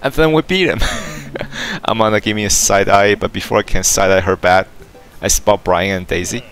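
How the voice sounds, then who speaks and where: A man's voice: sits low, fairly even intonation, moderate pace, fairly bright tone. A man playing a dating game, casually reading its text aloud and stumbling over words now and then. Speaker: let's play gamer.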